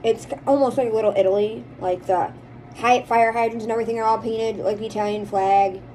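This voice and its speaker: A woman's voice: on the high side, steady tone, brisk, mellow, a little hiss or hum, poor audio. An American woman chatting casually to viewers in a rambling, opinionated way, as a vlogger does. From United States. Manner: rambling, chatty, emphatic about likes and dislikes. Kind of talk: casual chit-chat to viewers.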